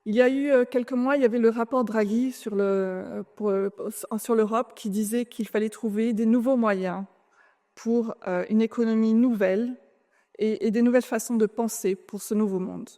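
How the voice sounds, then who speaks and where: A woman's voice: a little high, steady tone, normal speed, mellow. French woman speaking in a reverberant hall. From France. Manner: hesitant, friendly, asks the audience questions. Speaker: invited speaker. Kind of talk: conference keynote talk. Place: large event hall. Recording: long reverb of a large hall.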